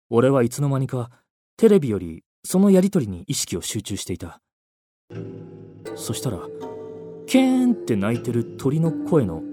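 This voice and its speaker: A man narrating a first-person ghost story in a scripted, hushed telling that sinks to near-whispers at tense moments. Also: mid-range voice. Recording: faint music underneath.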